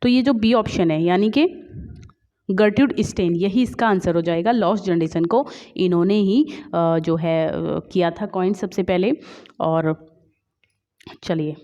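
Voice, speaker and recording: A woman's voice: lowish voice, measured pace, dark tone, muffled recording. A woman with an Indian accent giving an exam-prep lesson, explaining step by step and asking herself rhetorical questions, with frequent fillers. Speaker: teacher.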